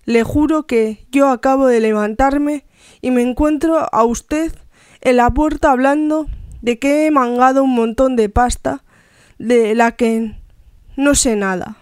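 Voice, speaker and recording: A cheeky young delinquent playing innocent and mocking the police, as a woman reads him. Delivered slowly in a fairly high, smooth voice, with a dry close sound. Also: fairly even intonation, a little mellow, no echo. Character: cheeky working-class teenage boy, defiant.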